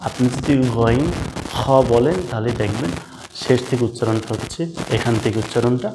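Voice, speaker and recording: With some background noise behind him, a man speaking in a mid-range voice at a moderate pace teaches Quran recitation. It's a slow pronunciation lesson: he patiently repeats letter sounds step by step, asks the listener to repeat after him and refers to the viewer as brother.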